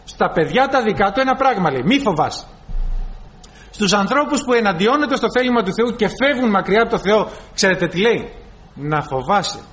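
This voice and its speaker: A man's voice: high-pitched, animated, few pauses. A male preacher giving a dramatic sermon, quoting scripture and acting out dialogues between God and people. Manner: dramatic, quotes and acts out dialogue, swings loud to soft.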